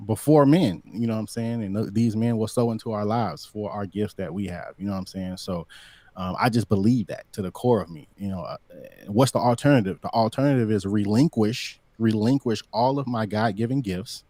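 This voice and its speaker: Lively talkative man in his thirties. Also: fairly low pitch, a little fast, no room sound. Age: 30s. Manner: animated, preachy, lots of "you know what I'm saying". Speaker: guest. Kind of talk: casual livestream interview. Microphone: streaming setup under bright lights.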